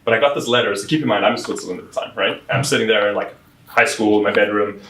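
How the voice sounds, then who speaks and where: A young man from South Africa, a guest telling his story in a casual interview, chatty and full of fillers, recorded on a lapel mic in a bright room by a window. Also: on the low side, rapid-fire, slight background noise. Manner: chatty storyteller, many likes and fillers, laughs often. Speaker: guest, PR firm founder. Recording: roomy echo, mic at a distance.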